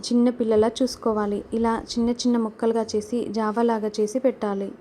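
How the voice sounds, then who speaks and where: A woman's voice: a little high, level tone, fairly quick, warm tone, slight background noise, lightly acted. A woman reading a feisty young housemaid. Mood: pleading.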